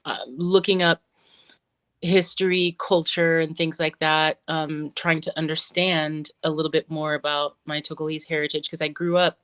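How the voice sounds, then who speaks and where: A woman from Cameroon, a comic creator, answering interview questions in a thoughtful, measured way over a video call. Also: sits low, fairly bright tone, clear, resonant tone, no room sound.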